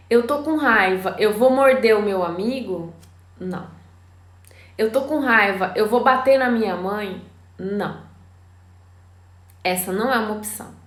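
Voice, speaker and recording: A Brazilian woman with a Brazilian Portuguese accent, a parenting educator talking to parents on a live stream, animated and full of rhetorical questions. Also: fairly high pitch, roomy sound.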